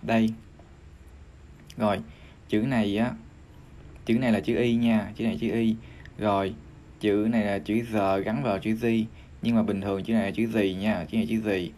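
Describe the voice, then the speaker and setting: A low-voiced man with a Vietnamese accent leads a livestream pronunciation lesson. He spells out English sounds piece by piece, repeating each word patiently before joining them into phrases. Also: level tone, moderate pace, long pauses, darkish tone, a little hiss or hum. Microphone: phone or desk mic on a livestream.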